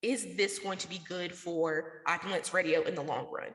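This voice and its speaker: A woman's voice: lowish voice, fairly even intonation, normal speed, fairly bright tone. An American woman from the South talking casually and slangily as a guest in a radio interview. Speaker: interview guest, podcast network founder. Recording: echoey, reverberant room.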